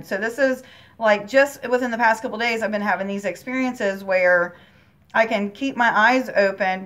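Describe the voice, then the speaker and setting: A spiritual channel host with a fairly high, slightly bright voice tells her viewers about a spiritual experience, calling them guys. She's earnest and emotional, at times near tears, rambling and repeating herself.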